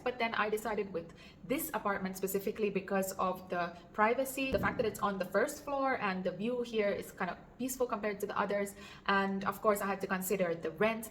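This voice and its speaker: Talking casually to camera indoors in an apartment, a vlogger and Airbnb host from Finland, in her thirties, speaks earnestly with fillers. Her voice sits mid-range with a fairly bright tone, and the recording carries a little hiss or hum.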